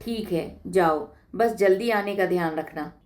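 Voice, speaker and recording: A woman voicing a cautious village mother who hushes and warns, in a read-aloud story. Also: on the low side, measured pace, close to an everyday voice. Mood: hushed. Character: stern-minded village mother, hushing and hurried.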